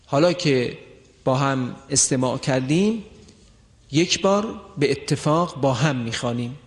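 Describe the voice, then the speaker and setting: A man teaching the rules of Quran recitation, drawing out his example words slowly and deliberately. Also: medium pitch, expressive. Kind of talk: tajweed lesson with recited examples. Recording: long hall reverb.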